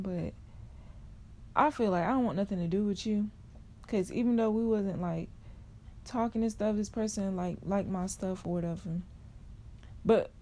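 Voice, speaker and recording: Young woman podcast host, mellow voice, candid casual rant. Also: medium pitch. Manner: conversational, candid, drawn-out filler phrases.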